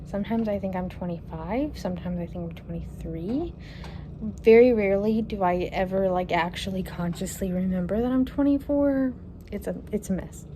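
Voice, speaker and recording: A relaxed young woman in her twenties chats through viewer questions, thinking aloud and trailing off with fillers. Her voice sits at an ordinary mid pitch. She records on her phone at home, with a clear hiss of background noise. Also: normal speed. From Kentucky. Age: 20s. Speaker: vlogger. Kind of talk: casual Q&A vlog. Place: her apartment, indoors. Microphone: phone camera.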